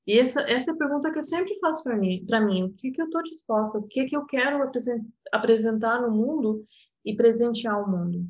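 Animated and a little fast, this woman's voice sits fairly high and has a slightly mellow tone. She's an interpreter from Portugal with a European Portuguese accent, a guest in a reflective, casual conversation about personal things. She laughs a lot and often adds "sabe?"

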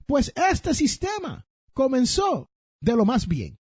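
A Puerto Rican man hosts a finance podcast and tells his stories with energy, speaking straight to his listeners. His voice sits high, with a mellow, husky tone. The sound is close and dry. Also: takes it slowly, no echo. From Puerto Rico. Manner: animated storytelling, addresses listeners directly. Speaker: podcast host. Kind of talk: personal finance talk.

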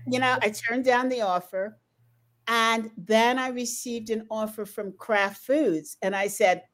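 A woman's voice: fairly high pitch, a little slow, fairly bright tone. A woman hosting a casual conversation, reacting eagerly and telling her own stories. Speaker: host.

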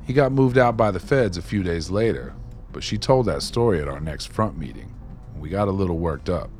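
Brisk and animated, a deep-voiced man with a darkish tone speaks over soft background music. He voices a wry, streetwise ex-maintenance man in a radio play, reminiscing as he tells folksy, colloquial stories.

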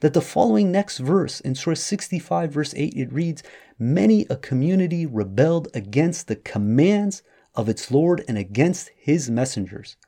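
A man hosting a religious study podcast, reading verses aloud and explaining them in a measured way. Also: on the high side, animated, creaky, mellow. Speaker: podcast host.

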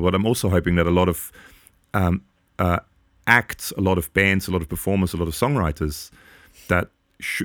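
A podcast co-host in his forties speaks in a low voice, recorded dry with studio quality. In casual chat, he offers long, earnest, rambling opinions.

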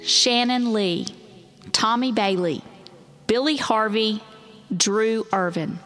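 A woman's digitally echoed voice reads one name after another at an unhurried, steady pace. Her delivery is measured and clear, and faint background music sits under her. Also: fairly high pitch. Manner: slow, measured reading of names. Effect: digital echo on the voice. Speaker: podcast co-host.

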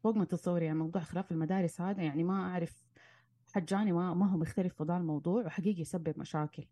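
Rapid-fire husky woman therapist. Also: lowish voice, no echo. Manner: animated, acts out arguments, mixes in English terms. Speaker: marriage and family therapist guest. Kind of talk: casual advice conversation.

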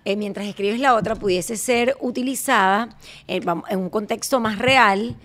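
A woman's voice: medium pitch, normal speed, fairly bright tone. A woman hosting a casual chat, teasing and laughing often, slipping English phrases into her talk. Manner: code-switches into English phrases. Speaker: host.

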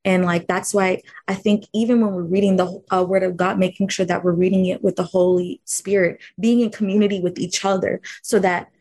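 A woman's voice: fairly low pitch, little pitch movement, brisk, hardly any pauses, a little mellow. A woman co-hosting a faith discussion podcast, speaking earnestly and emphatically, often checking in with "right?". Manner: earnest and emphatic, with tag questions. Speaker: podcast co-host.

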